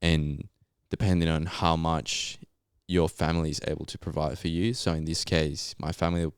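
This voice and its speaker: A man's voice: extremely low pitch, flat delivery, moderate pace, smooth, dry recording, clean studio sound. A young man from Colombia, a native Spanish speaker, telling his story casually in an interview with laid-back, slangy Australian-style phrasing. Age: young adult. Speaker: podcast guest, geologist.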